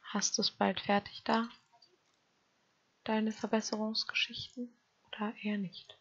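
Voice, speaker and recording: German-style let's play girl talking to her sims, a bit gravelly, dull lo-fi mic sound. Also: mid-range voice, little pitch movement, measured pace, fairly bright tone. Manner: chatty, talks to her game characters and viewers. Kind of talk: casual gameplay commentary.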